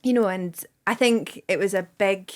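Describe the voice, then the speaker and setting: A Scottish woman in her thirties, appearing as a guest comedian, rambles through casual podcast chat with plenty of "like" and "um" and bursts of laughter. Her voice is medium-pitched and her pace moderate.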